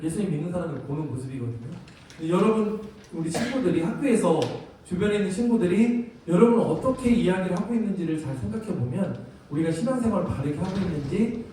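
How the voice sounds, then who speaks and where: A man's voice: high voice, dark tone, slight background noise. Korean man preaching in an echoey sanctuary. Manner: conversational, telling stories to teens. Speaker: youth pastor. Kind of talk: sermon and closing prayer. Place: large church sanctuary. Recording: very echoey hall, from a distance.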